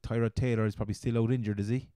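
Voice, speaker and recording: Cork irish guy chatting sports, kinda rambly, repeats himself, soft dark tone. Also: on the low side, steady tone, very fast, no room sound, studio quality. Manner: rambling, repeats his words. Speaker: podcast host. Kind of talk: casual chat, fantasy football commentary.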